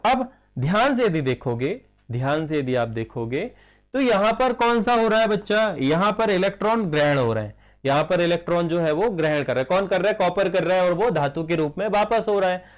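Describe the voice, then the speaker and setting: This chemistry teacher's voice sits high, with lively intonation. During the lecture he writes while dictating slowly, repeats important terms, uses English phrases here and there, and raises questions that he then answers himself.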